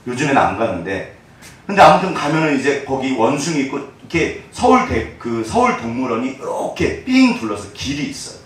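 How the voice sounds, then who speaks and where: Animated pastor, echoey church hall. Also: male voice, fairly high pitch, far from the mic. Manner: animated storytelling, swings from loud to hushed. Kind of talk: sermon with personal stories. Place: church sanctuary.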